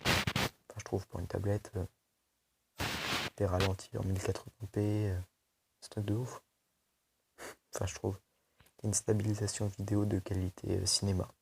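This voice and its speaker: A man's voice: lowish voice, level tone, normal speed, vocal fry, pauses often, slightly rough. A young man casually reviewing a tablet for his video channel, chatty and loose, full of fillers and restarts. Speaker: tech video host.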